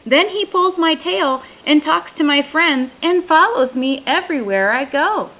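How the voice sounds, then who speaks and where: A woman's voice: high voice, animated, unhurried, a bit bright, voice pushed up, heavily acted. A woman voicing a sensitive, jealous little boy raccoon in a children's storybook, childlike and plaintive. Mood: whiny, complaining.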